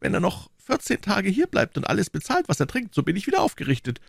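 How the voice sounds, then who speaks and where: A man's voice: sits high, fast, creaky, husky, dry recording, clean studio sound, pitched above the performer's own voice, exaggerated voice. A man voicing a fretful, pleading innkeeper in an audiobook reading. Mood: muttering. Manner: whiny and excitable. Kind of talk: audiobook character voice.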